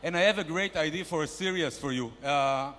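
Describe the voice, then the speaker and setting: Brisk and close to his everyday voice, a man plays a pushy, brash "shark" investor for a stand-up bit at a conference panel, loudly barking bossy, mock-grand sales advice. Slight background noise and the reverb of a big hall are audible.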